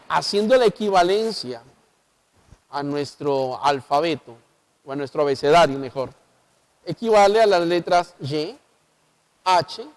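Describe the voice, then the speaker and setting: A man's voice: high voice, a little mellow. A man with a Colombian accent, a pastor explaining the Bible on local television, who often puts rhetorical questions to his listeners. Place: local TV studio.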